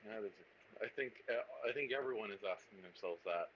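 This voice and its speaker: Hesitant bright-voiced man, lo-fi sound. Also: on the low side, a little fast, slight background noise. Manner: hesitant, many restarts and fillers. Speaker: podcast guest. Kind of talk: casual podcast chat.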